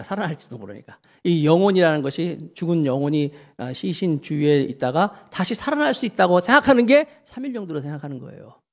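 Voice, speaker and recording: Man, pastor, animated sermon, high voice, very lively pitch. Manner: animated, asks the congregation questions; acts out people's words in quotes.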